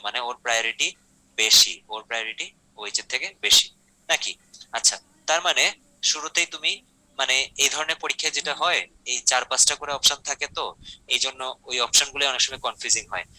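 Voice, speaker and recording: A man with a strikingly bright, forceful voice works through exam questions as a chemistry tutor. He goes one step at a time, drops English terms into his speech and keeps asking if the students follow. The sound is close and dry, with no room echo. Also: mid-range voice. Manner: explains step by step, checks in with students often. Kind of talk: exam-prep lecture.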